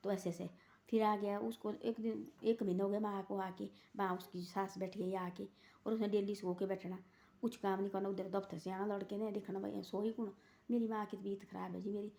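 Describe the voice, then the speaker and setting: A woman's voice: medium pitch, little pitch movement, normal speed, gravelly, mellow. A woman telling a moral folk story in a rambling, casual way, repeating "she said" between quoted lines.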